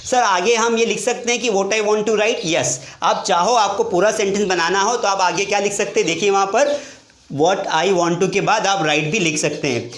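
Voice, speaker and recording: A man, teaching a lively whiteboard English grammar lesson in a classroom and often asking questions of his students. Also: high voice, moderate pace. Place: classroom with board. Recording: echoey room.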